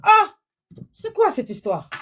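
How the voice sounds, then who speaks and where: A woman, hosting a live-stream sales pitch from her phone, chatty and repetitive, pleading with viewers. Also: huge pitch swings, takes it slowly, bright, forceful tone. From DR Congo.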